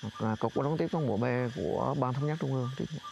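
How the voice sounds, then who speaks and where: An older man in an interview, recalling events in a halting way and repeating words as he goes. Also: medium pitch, vocal fry, a little mellow, soft background music. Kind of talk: reminiscing interview.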